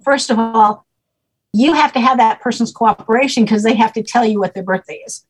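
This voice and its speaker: A woman with a slightly high, breathy voice speaks briskly in a rough recording. As a guest, she teaches a name system through lengthy conversational explanation, patiently confirming understanding with repeated "okay?"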